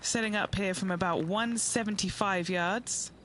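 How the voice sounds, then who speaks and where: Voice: mid-range voice, normal speed, background noise. An on-course golf reporter giving matter-of-fact shot setup calls. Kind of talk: live golf commentary.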